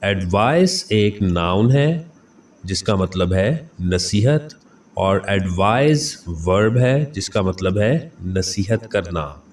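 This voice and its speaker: A man teaching English vocabulary, saying each word slowly and repeating it several times. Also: low voice. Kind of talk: pronunciation lesson. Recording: slightly distant mic with faint background noise.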